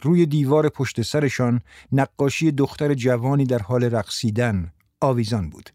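Mellow-voiced male audiobook narrator. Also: mid-range voice, dry recording, studio quality.

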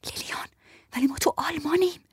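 A woman's voice: sits high, no echo, clean studio sound, voice pushed up, natural voice. A woman voicing a frail, feverish young woman who is frightened but stubborn, in a whispered role-play. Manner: frightened hushed refusal.

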